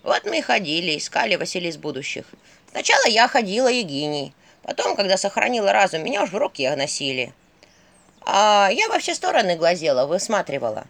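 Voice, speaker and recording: A woman's voice: medium pitch, big pitch swings, fairly quick, a bit bright. A woman doing an old folksy skull-staff crone. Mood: recounting. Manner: folksy, drawling, rustic speech. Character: old female talking skull-staff, sly and matter-of-fact.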